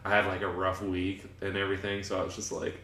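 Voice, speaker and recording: A man's voice: sits low, completely flat delivery, quick pace, pushed and bright, roomy sound, a little hiss or hum. A young man co-hosting a podcast in casual chat, laid-back and teasing. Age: young adult. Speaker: podcast co-host.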